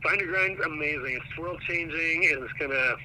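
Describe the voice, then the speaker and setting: A man's voice: fairly high pitch, moderate pace, sharp tone, a little hiss or hum, rough recording. A man calling in on a phone set to speakerphone, talking casually and with plenty of enthusiasm. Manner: upbeat and enthusiastic. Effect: heard over a phone on speakerphone. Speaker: company president. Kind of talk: casual chat on a phone call.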